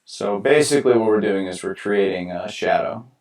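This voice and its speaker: A man's voice: lowish voice, moderate pace, darkish tone, recorded from a distance. A young man from New York, casually rambling with many fillers and restarts as he paints on a live stream. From New York, USA. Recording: roomy sound from away from the mic.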